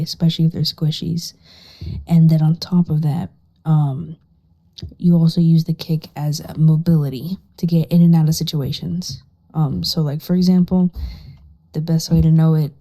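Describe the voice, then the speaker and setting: A woman speaking very quietly, at times nearly whispering and barely audible, in a casual, sweary gameplay tutorial. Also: sits low. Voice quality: very quiet, hushed, partly whispered voice. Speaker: gaming guide creator. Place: living room at home.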